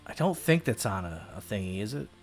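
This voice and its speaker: Over soft background music, a US streamer with a lowish voice talks very animatedly and fairly quickly as he plays live. His casual chatter is rambling and hesitant, full of self-deprecating jokes.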